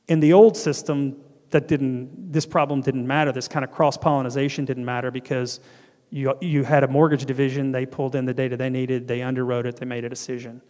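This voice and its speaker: A middle-aged man from North Carolina delivers a conference keynote and fireside chat on stage in a large hall, holding a handheld mic. His voice is medium-pitched and a little mellow; he's earnest, gestures broadly, and restarts often with frequent ums, while hall reverb fills the recording.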